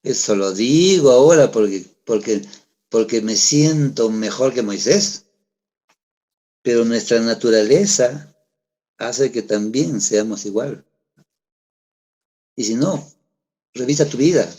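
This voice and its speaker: A man's voice: medium pitch, slow, long pauses, dark tone. A middle-aged man, preaching a sermon in a conversational way, asking the congregation rhetorical questions. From Peru. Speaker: pastor.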